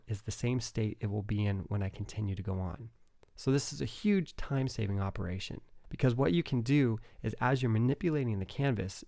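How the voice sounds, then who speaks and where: A man's voice: lowish voice, gravelly, darkish tone, dry recording, clean studio sound. A man explaining programming step by step in a methodical screencast tutorial. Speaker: programming instructor.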